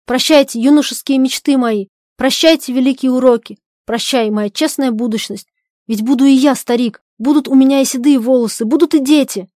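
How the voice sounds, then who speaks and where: A woman reads out a young idealist husband, torn between honor and his wife's wishes. He pleads and breaks into loud, anguished shouts. The voice sits fairly high, in a dry, close recording. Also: fairly quick, no echo, close to an everyday voice. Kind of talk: dramatic reading of a stage play.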